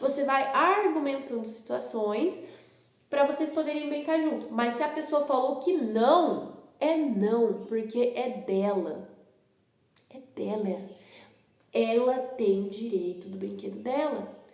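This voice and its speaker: Brazilian parenting coach, a woman with a bit of a high voice, calm and explanatory, home room with a roomy echo. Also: measured pace. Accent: Brazilian Portuguese. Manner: calm explanatory, acts out parent-child dialogues. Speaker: parenting educator. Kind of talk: instructional video. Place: her home.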